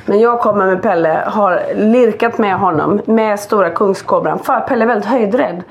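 Woman, casual podcast co-host, chatty, mid-pitched. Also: a little hiss or hum. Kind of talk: casual chat.

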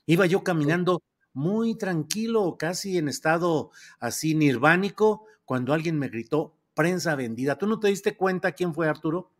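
A man with a Mexican Spanish accent hosting a talk show, telling stories in a relaxed, wry way. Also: a little high, moderate pace. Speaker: host. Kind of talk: casual chat.

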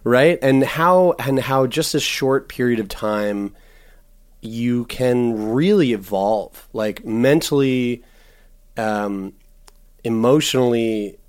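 A man co-hosting a podcast, chatting casually and informally with halting, sweary phrasing. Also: medium pitch, clean tone. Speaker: podcast co-host. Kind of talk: casual personal conversation.

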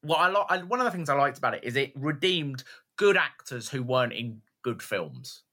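Lively man chatting about films. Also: mid-range voice, a little fast. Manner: animated, rambling, enthusiastic. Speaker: podcast co-host. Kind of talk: casual film chat.

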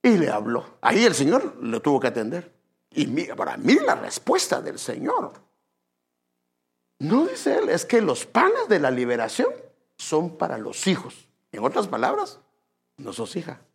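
A man's voice: on the high side, huge pitch swings, a little slow, vocal fry, husky. A man preaching an evangelical sermon, emphatic and constantly addressing his listeners as brother.

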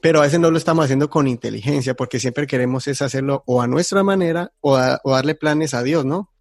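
A man's voice: medium pitch, fast, no echo. Guy cohosting a church talk show, reflective, mid voice, dry studio sound. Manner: reflective, explains by contrasting examples. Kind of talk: faith talk show conversation.

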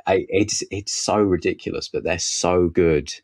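A man with a very low voice talks about television in a casual podcast chat. He is wry and enthusiastic and often stops to restart his sentences. The recording is dry and close. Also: unhurried, a little mellow, dry recording. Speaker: TV critic guest.

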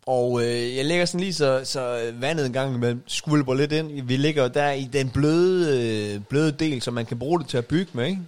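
A man's voice: medium pitch, few pauses, a little mellow, clean tone. A man co-hosting a podcast, telling a long story in casual chat with lots of fillers and restarts. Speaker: podcast co-host.

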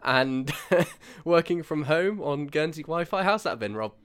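A man's voice: a little high, expressive, measured pace. A man hosting a podcast in a jokey, teasing conversational style. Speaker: podcast host. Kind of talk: casual chat and programme introductions.

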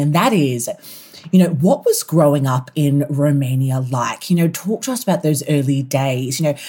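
Give me an upbeat, slightly breathy podcast host. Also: medium pitch, darkish tone, no echo. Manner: upbeat, enthusiastic. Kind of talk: scripted intro and casual interview.

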